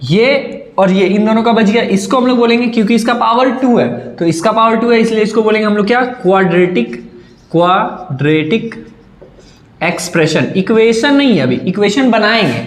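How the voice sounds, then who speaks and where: A man's voice: high-pitched, lively intonation, brisk, hardly any pauses. Echoey male math teacher quizzing students. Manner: asks questions and answers them himself, repeats key points. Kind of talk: classroom-style lesson. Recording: echoey room.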